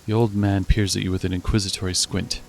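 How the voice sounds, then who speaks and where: Deep, gravelly gamer reading menus aloud. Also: male voice, level tone, quick pace, slight background noise. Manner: reads game text aloud, thinks out loud with fillers. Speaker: let's play host. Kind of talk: casual video game commentary.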